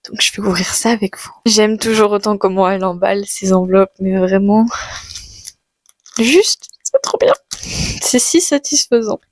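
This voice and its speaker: A woman's voice: medium pitch, moderate pace. A woman in her twenties from France with an Auvergne accent, chatting casually in a vlog with many fillers and restarts. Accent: Auvergne French. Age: 20s. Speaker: vlogger.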